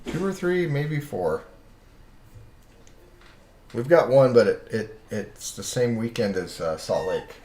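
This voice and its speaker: A man's voice: mid-range voice, animated, slow pace, long pauses, darkish tone, echoey room. A man chatting casually on his live art stream, rambling and often breaking off mid-sentence with chuckles.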